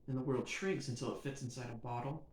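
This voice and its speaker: A podcast host, a man with a medium-pitched voice, delivers a reflective scripted monologue. He speaks in measured, earnest short phrases that build in emphasis, and the recording has a roomy echo.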